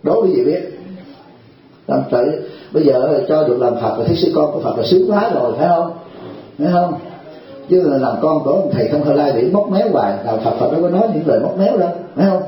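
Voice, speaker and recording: A man's voice: fairly high pitch, expressive, fast talker, muffled recording. A man, a Buddhist teacher, giving a humorous, chatty sermon at a retreat and constantly asking his listeners "right?". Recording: heavy hall echo.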